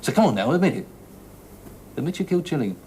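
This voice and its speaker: This is a brusque police inspector in a TV crime drama, and his voice rises and falls a great deal. He presses and needles the people he questions. Clear background noise runs under his lines. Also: a little high, very animated, quick pace, dark tone. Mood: probing. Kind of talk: British television drama acting.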